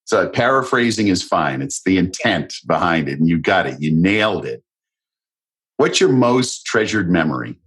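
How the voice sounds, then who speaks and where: A man hosts a casual interview with an eager, affirming manner and a habit of wandering into side points. His voice sits very low and sounds husky and a little breathy. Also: big pitch swings, normal speed, a bit bright. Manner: enthusiastic, affirming, prone to tangents. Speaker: podcast host.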